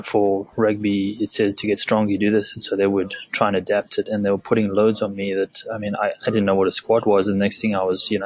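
A middle-aged man from South Africa, a former Olympic swimmer, talking as an interview guest and pausing often with ums and restarts. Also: fairly low pitch. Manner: hesitant, many ums and restarts. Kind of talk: conversational interview.

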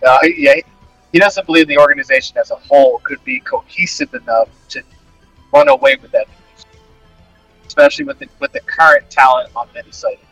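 A man's voice: a little high, very animated, fast talker, creaky, fairly bright tone, distant mic, soft background music, rough recording. A man co-hosting a sports podcast by phone from the road, his call dropping out in dead spots as he stammers and restarts. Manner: stammering restarts, relaying another man's picks. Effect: call dropping out, breaking up in dead spots. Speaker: podcast co-host calling in from the road. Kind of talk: casual sports chat.

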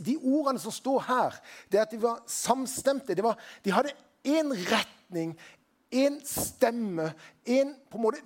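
A man's voice: sits high, darkish tone. A man preaching a sermon as pastor, talking conversationally and putting questions to the congregation.

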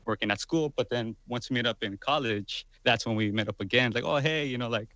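A man's voice: mid-range voice, brisk, sharp tone, no room sound, lo-fi sound. A man in his twenties, a guest musician, talking in a rambling casual way with lots of fillers. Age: 20s. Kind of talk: casual chat.

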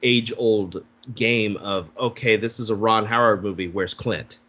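On dull, lo-fi podcast audio, a male co-host reviews a movie in casual conversation, his speech loose, profane, and riddled with restarts. His voice is lowish, steady, a little slow, and fairly bright.

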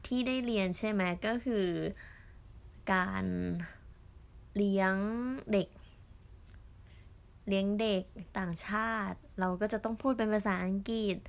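A young woman from Thailand, an au pair, telling stories in a chatty vlog with many fillers and pauses. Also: medium pitch, fairly even intonation. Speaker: au pair vlogger. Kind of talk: casual storytelling vlog.

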